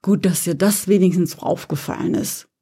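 A woman voicing a gruff young male innkeeper who scolds and mocks. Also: sits high, moderate pace, dark tone, exaggerated voice. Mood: teasing. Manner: scolding, mocking.

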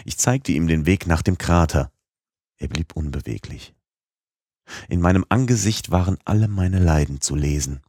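A man narrating an audiobook in a measured, expressive storytelling manner. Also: low-pitched, no echo, clean studio sound.

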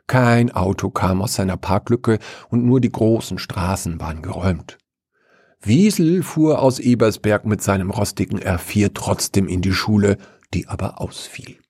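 A man with a low, husky voice reads a story aloud in a wry, even manner. The sound is close and dry. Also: no room sound. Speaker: narrator.

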